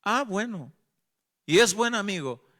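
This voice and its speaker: A man's voice: sits high, lively intonation, unhurried, bright, forceful tone, voice pushed up, heavily acted. A man quoting a concerned old lady. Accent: Mexican Spanish. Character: elderly woman passenger, kindly and concerned.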